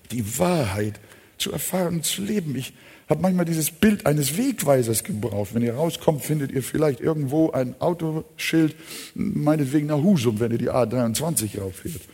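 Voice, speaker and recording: A man preaching a sermon, emphatic, switching between loud urgent appeals and quiet asides, asking listeners direct rhetorical questions. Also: on the high side, lively intonation, normal speed, husky. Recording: long hall reverb.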